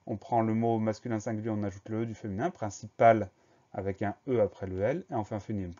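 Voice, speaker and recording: A male teacher giving a spelling lesson for primary pupils, spelling words out slowly letter by letter. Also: on the low side, fairly even intonation, mellow. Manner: slow, careful letter-by-letter spelling. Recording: slightly dull lo-fi recording.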